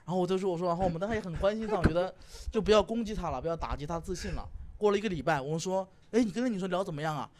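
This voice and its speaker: Young man, quick and high, lively storyteller for a comedy panel chat. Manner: animated storyteller, acts out quoted lines. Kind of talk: casual chat.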